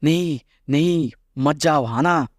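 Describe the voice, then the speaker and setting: A man voicing a stern, resolute angelic spirit in an anime recap, speaking gravely and deliberately. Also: medium pitch, flat delivery, darkish tone, no echo, studio quality, natural voice. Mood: warning.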